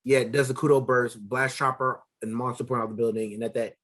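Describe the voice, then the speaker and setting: A man's voice: medium pitch, brisk. A man co-hosting a casual anime review podcast, rambling through plot recaps with slang and lots of fillers. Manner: rambling, loose slang, many fillers, animated retellings. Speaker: podcast co-host.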